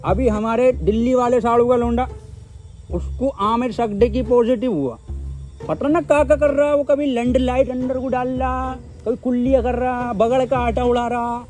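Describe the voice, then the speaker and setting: A man's voice: very high voice, fairly even intonation, normal speed, darkish tone. A man performing a crude comic sketch, with coarse, rowdy banter. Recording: background music.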